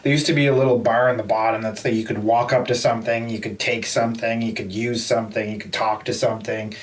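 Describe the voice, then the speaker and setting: Older male co-host, relaxed and rambling; medium-pitched, mic a little distant. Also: fast. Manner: laid-back, rambling, laughs easily. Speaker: podcast co-host. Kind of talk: casual chat.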